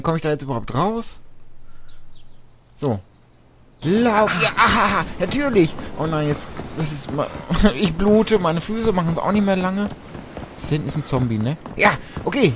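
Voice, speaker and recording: Rambling man over noisy game sound. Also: high-pitched. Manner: rambling, mock-dramatic, sudden loud outbursts. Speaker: let's play host. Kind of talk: joking game commentary. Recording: noisy game audio behind voice.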